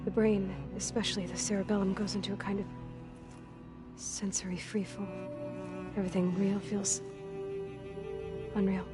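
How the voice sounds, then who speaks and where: A young woman clone in a video game, played by an actress, explaining things in a measured, clinical way. Her pitch sits in the middle of the range. Game music plays clearly underneath. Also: level tone, lightly acted. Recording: game audio with background music.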